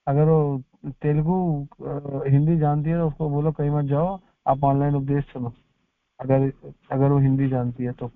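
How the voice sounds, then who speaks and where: Spiritual counselor, male, slightly high pitch, repetitive advising tone, tinny phone-line sound. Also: level tone, measured pace, no room sound. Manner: advising, repeats points for emphasis. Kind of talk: answering a devotee's question.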